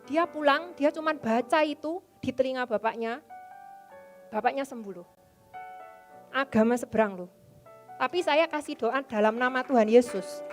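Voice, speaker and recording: A woman preaching with a high, bright voice. She exhorts her youth congregation and keeps asking them questions, with soft music playing faintly behind her. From Indonesia. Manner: exhorting, asks the congregation for answers. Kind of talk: sermon.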